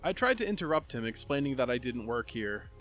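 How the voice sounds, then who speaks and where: A man's voice: medium pitch, big pitch swings, a little fast. A man narrating online stories for his channel as its host. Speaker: YouTube story narrator. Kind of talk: reading online stories aloud. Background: soft chill background music.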